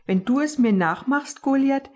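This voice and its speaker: A woman's voice: high voice, lively intonation, normal speed, darkish tone, voice pushed up. A woman voicing a cheeky, daring young male sparrow who boasts and teases his friends, in a storybook reading. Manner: boastful, teasing.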